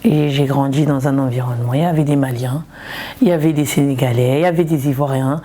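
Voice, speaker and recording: A woman's voice: very deep voice, fairly even intonation, fast talker, warm tone. A woman from Ivory Coast, a comedian and influencer, chatting casually in an interview and repeating words for emphasis.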